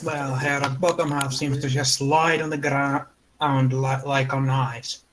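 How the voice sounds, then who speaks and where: Man, game master, tabletop narration, slow delivery, spoken sound effects, faint background hiss. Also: mid-range voice, flat delivery, a bit bright, low-quality recording.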